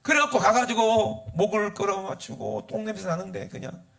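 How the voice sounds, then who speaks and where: A man's voice: high voice, moderate pace, gravelly. A male pastor, preaching a sermon and calling for responses from the congregation. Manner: animated, asks the congregation for responses.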